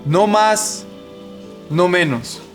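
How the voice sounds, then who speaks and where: An actor playing a notary who reads out a will in a formal, measured way. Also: male voice, high voice, animated, soft background music, exaggerated voice. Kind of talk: telenovela-style film acting.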